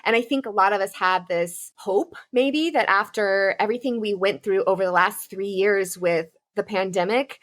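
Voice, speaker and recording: Woman podcast co-host, middle pitch, heated and profane pop culture rants. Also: moderate pace, few pauses, a bit bright. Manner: fired-up, profane ranting. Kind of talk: casual pop culture chat.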